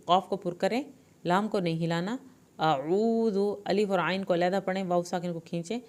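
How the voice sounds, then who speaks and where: A woman's voice: on the low side, darkish tone. A woman teaching Quranic recitation with tajweed, explaining the pronunciation of each word patiently and step by step. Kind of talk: Quran recitation lesson with slow drawn-out recitation.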